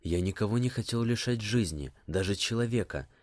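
Figure: a strong, gentle male cart horse read by a man. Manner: quiet, sorrowful, remorseful. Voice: deep. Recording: dry, close. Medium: audiobook. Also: expressive, fairly quick, dry recording, close to an everyday voice.

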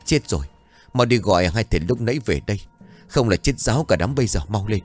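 A man's voice: lowish voice, lively intonation, fast, soft background music. A man doing a stammering terrified old elder. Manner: stammering, urgent.

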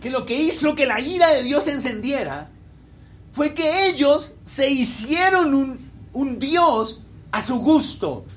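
A man's voice: very high voice, lively intonation, slow. A male pastor preaching a sermon, asking the congregation questions and acting out the people in the story.

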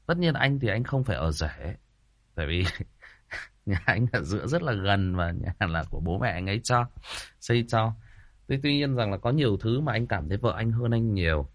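Deep-voiced storyteller man. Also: very animated, moderate pace, dry recording. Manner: chatty, repetitive, addresses listeners directly. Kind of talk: first-person storytelling.

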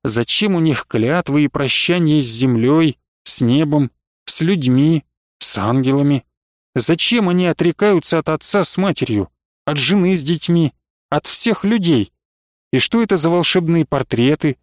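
A man reads a classic novel aloud in a measured, expressive way, his voice sitting a bit higher than most men's. The sound is dry and close, with no room around it. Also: dry recording. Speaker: audiobook narrator. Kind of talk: scripted narration of a classic novel.

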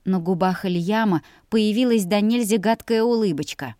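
A woman narrating a first-person audiobook story in an expressive storytelling manner. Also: mid-range voice, moderate pace, dry recording, studio quality.

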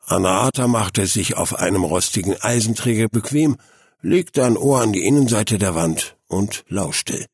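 Husky, low-voiced male narrator. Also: normal speed, darkish tone, no room sound, clean studio sound. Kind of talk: audiobook narration.

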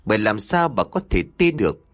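A man narrating an audio story in a dramatic, expressive way. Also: lowish voice, a little fast.

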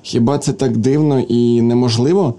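A man voicing a shy, quiet young typist woman. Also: medium pitch, fairly even intonation, normal speed, natural voice. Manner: timid, awkward speech.

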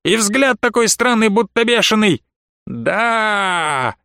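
A shrill, hysterical woman yelling from a crowd, as a male narrator puts her on, pitched far up from his own voice. She shrieks her lines loud and sharp. The recording stays close and dry. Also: big pitch swings, slow, clear, resonant tone, no room sound, exaggerated voice.

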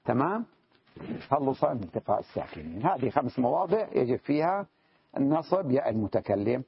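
Husky male grammar teacher, lo-fi. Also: medium pitch, big pitch swings. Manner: repeats key phrases slowly, checks understanding with questions. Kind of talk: classroom grammar lesson. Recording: dull lo-fi dry recording.

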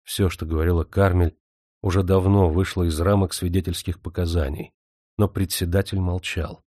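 A man reading a novel aloud as audiobook narration, in a measured, even storytelling manner. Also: sits low, dry recording, studio quality. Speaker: audiobook reader. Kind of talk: scripted narration.

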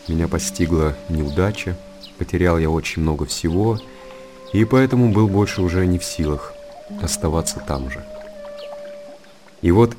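A male actor with a voice that sits low plays an aging, world-weary hermit monk in a radio monologue. He speaks in a measured, pensive, solemn way.

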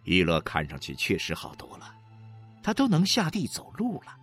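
Guy reading a novel aloud, slow and dramatic, pitch swings a lot, soft music underneath. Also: huge pitch swings. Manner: dramatic, slow, emotionally varied. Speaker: audiobook narrator. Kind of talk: expressive literary narration.

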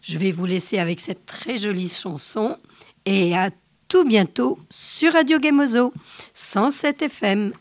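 A woman radio host reading a short story aloud in a slow, measured way. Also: medium pitch.

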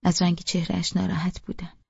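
A woman reading a novel aloud in first person, in a hushed, half-whispered voice. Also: fairly low pitch, completely flat delivery, creaky, slightly rough, no echo, lo-fi sound. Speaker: audiobook narrator.

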